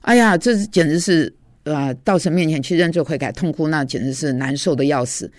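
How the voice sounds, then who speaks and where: A man's voice: fairly high pitch, brisk, no room sound, clean studio sound. A man who teaches at a seminary and preaches, giving an informal devotional talk in a confessional storytelling way with frequent hesitations.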